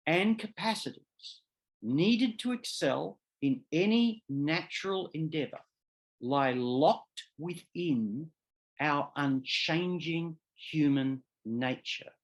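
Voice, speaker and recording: A middle-aged man, a law professor, giving an academic seminar lecture in a deliberate, emphatic way that often restates and corrects itself mid-phrase. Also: medium pitch.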